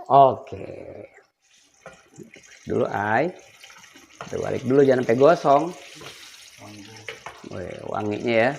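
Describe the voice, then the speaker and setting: A man's voice: mid-range voice, slow, vocal fry, long pauses, a little mellow, a little hiss or hum. An older man, hosting a casual cooking vlog and playfully coaxing his grandchild as he talks. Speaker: vlog host.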